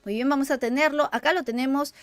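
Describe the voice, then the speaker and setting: Female host, high pitch, dry close sound, brisk moderating of a news stream. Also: steady tone, dry recording, soft background music. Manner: moderating, moves the segment along. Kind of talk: live news commentary.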